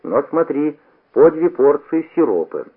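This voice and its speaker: A man's voice: a little high, very animated, a little slow, husky, voice pushed up, heavily acted. A man doing a bossy know-it-all boy. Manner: preachy, mocking. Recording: tinny old radio broadcast.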